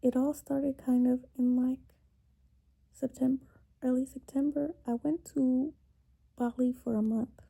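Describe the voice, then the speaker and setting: A woman in her twenties speaks in a dark, soft-edged voice with a gravelly fry, fairly high but flat in melody. She is tearful and upset, confiding to camera in a halting, confessional way, pausing often and letting phrases trail away. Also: rough recording. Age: 20s. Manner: halting, emotional, with long pauses and trailing off. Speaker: vlogger. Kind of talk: confessional personal vent to camera.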